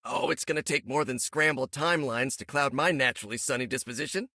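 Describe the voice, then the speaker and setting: A man's voice: medium pitch, fast, bright, forceful tone, dry recording, clean studio sound. A man voicing a youthful, quippy, sunny superhero in a video game, boyish and wisecracking. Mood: wry, chipper. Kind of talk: video game character acting.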